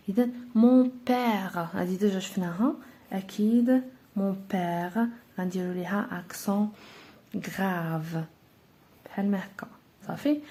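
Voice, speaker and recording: A woman's voice: medium pitch, warm tone. Patient Moroccan woman teaching grammar. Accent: Moroccan Arabic. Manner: patient, step-by-step explaining with many fillers. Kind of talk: explaining a French grammar lesson.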